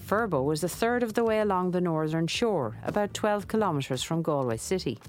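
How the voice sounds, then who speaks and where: Low-voiced Irish woman narrating. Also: lively intonation, a little fast, soft background music. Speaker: documentary narrator. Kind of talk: scripted narration.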